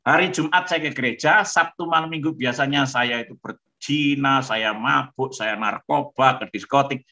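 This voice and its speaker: Lively pastor, bright voice. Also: male voice, mid-range voice, normal speed. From Malang, East Java. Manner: lively, acts out dialogue with shifting voices. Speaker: pastor giving his testimony. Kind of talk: animated storytelling testimony.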